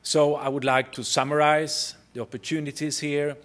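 Middle-aged Swedish-accented man presenting haltingly. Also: on the high side, little pitch movement, a bit bright. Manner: halting, hesitant delivery with frequent pauses. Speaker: company chief executive presenting. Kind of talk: conference pitch presentation. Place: conference hall stage at a podium.

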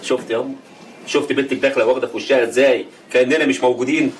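Actor as a curt Egyptian son, fast talk, distant mic with noise. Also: male voice, mid-range voice, fairly even intonation, close to an everyday voice. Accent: Egyptian Arabic. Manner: curt, dismissive.

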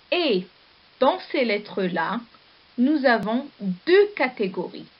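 A woman teacher giving a slow, deliberate lesson, spelling out letters and syllables one at a time. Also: a little high. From Morocco. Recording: dull lo-fi video recording.

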